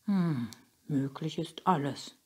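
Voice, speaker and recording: An old grandfather thinks aloud, grumbling gently in a low, husky voice, as a woman reading a storybook puts him on. He speaks slowly and ponders each thought. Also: full character voice. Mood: musing. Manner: musing, grumbling.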